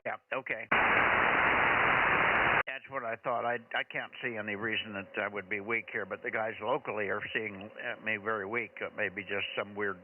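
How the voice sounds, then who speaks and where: A man running an amateur radio net as net control, steady and businesslike. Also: on the low side, moderate pace. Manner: steady, businesslike with light chuckles. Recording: tinny radio transmission under loud static.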